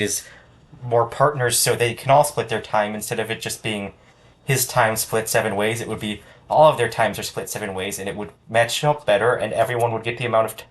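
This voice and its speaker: A man hosts a video with casual, unscripted reaction commentary, halting and rambling as his thoughts trail off. His voice is fairly low in pitch with a fairly bright tone.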